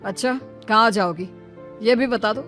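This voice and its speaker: A young cartoon husband, voiced by a woman, offhand and dismissive, in a fairly high voice with faint music behind. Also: measured pace, a bit bright. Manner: offhand, brushing things aside. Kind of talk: cartoon voice acting.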